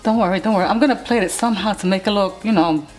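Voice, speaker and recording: A cooking vlogger chats casually and playfully while cooking in her home kitchen under hot lights, finishing with a blessing. Her medium-pitched, slightly mellow voice goes very fast over soft background music.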